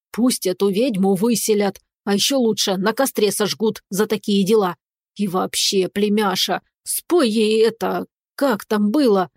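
A woman voicing a hysterical, whiny male talking cat who squeals and pleads in drawn-out wails. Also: medium pitch, no echo, clean studio sound, close to an everyday voice.

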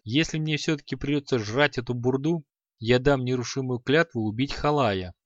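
A man's voice: mid-range voice, moderate pace, no echo, natural voice. A man voicing a proud, irritable young apprentice who grumbles and snaps curtly in an audiobook. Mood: grumpy. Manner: grumbling, curt. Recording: slightly dull audio.

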